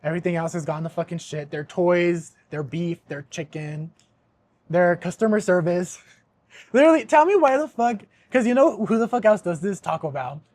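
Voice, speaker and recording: A man's voice: sits high, moderate pace. Young man ranting, swearing a lot. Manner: animated, swears a lot, laughs while telling a story. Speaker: podcast host. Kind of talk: casual storytelling chat.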